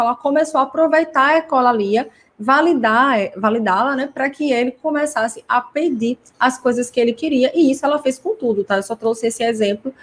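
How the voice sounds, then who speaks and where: A woman with a Brazilian Portuguese accent who hosts a live class for parents. She explains conversationally, works through many examples and often adds tag questions. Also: on the high side. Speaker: host and parent educator.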